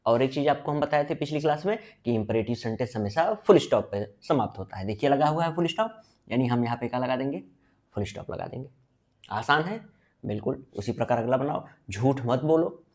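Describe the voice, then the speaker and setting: A male teacher gives a blackboard-style grammar lesson in a voice of ordinary, middling pitch. He keeps asking his listeners questions and answering them himself, repeating each answer. He slows right down and stretches out each example sentence. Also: expressive, a little mellow. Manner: drawn-out emphasis on example sentences. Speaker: English teacher.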